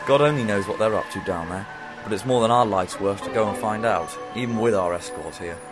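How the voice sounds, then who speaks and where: For a fan audio drama, a man lightly acts a weary, wry time-traveling Doctor, delivering dry, gloomy, understated humor in a resigned mood. His lowish voice moves briskly over loud music.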